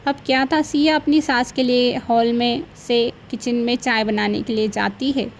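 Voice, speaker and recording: A woman narrating a cartoon story in a plain, even storytelling manner. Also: fairly high pitch, moderate pace, a little hiss or hum.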